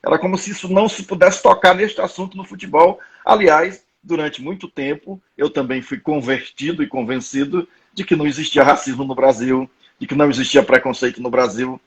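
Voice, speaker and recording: Husky Brazilian man in his fifties. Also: a little high, steady tone, fairly quick, few pauses, rough recording. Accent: Brazilian Portuguese. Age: 50s. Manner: conversational, anecdotal, restarts often. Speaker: live-stream host. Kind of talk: live-stream discussion.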